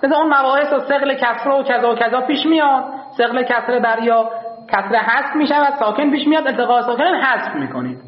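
A man's voice: extremely high pitch, expressive. A man teaching a class, who poses questions to his students and answers them himself, using formal polite phrases and repeating key points. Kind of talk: grammar lecture to a class. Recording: echoey dull lo-fi recording.

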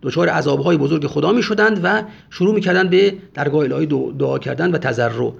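A man's voice: a little high, gravelly, husky. A man giving a religious history lecture, speaking emphatically and often urging listeners to pay close attention. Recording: dull lo-fi recording.

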